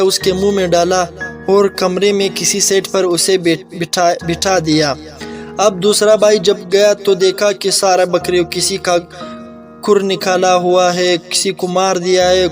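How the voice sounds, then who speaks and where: A man with a Pakistani Urdu accent narrates a folk tale in an easygoing, conversational way, pausing to restart a word now and then. His voice sits high and stays fairly even in pitch. Soft music plays underneath. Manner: plain, conversational retelling with restarts. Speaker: storyteller. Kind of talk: casual oral storytelling.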